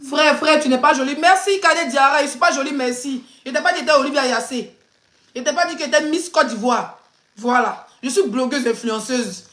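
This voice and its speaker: Woman influencer, high chatty voice, teasing live-stream rant in a roomy space. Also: normal speed, a bit bright. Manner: chatty, laughing, teasing and ranting. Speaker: blogger and influencer. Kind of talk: casual live stream chat. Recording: roomy echo.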